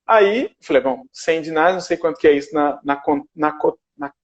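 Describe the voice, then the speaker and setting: A man's voice: a little high, normal speed, lo-fi sound. A man telling a story in casual conversation on a video call, acting out what people said to him. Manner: animated storyteller, acts out dialogue. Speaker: guest. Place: his shared house.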